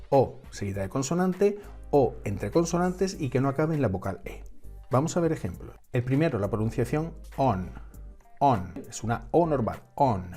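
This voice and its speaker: Man, Peninsular Spanish accent, mellow voice, patient teacher, repeats example words, faint music behind. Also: medium pitch, breathy edge. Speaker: English pronunciation teacher. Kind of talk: scripted lesson.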